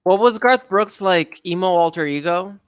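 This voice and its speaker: Wry man with a fairly high voice. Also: clear, resonant tone, dry recording, clean studio sound. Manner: wry, halting, reads chat aloud. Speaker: live stream co-host. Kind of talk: casual commentary over a broadcast.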